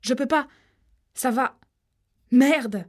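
A woman's voice: on the high side, moderate pace, warm tone, pitched above the performer's own voice, close to an everyday voice. A woman reading aloud, voicing a nervous man who swears under strain. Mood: tense. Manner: strained, exasperated outbursts. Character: nervous male climber, tense and sweary.

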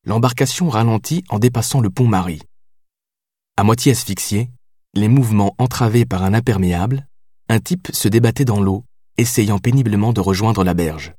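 A man reads an audiobook in a low, measured voice. The recording is dry and close, with no room sound. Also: darkish tone, no room sound. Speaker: audiobook narrator. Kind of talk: scripted audiobook narration.

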